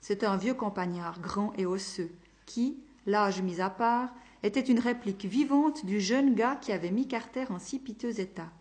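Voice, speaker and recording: A woman reading a story aloud at an even, measured pace. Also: mid-range voice. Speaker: narrator.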